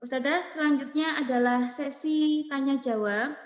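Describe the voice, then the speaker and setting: A woman's voice: high-pitched, normal speed, soft background music. A woman moderator politely reading out audience questions to the teacher. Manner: polite, deferential. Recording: echoey, dull lo-fi sound.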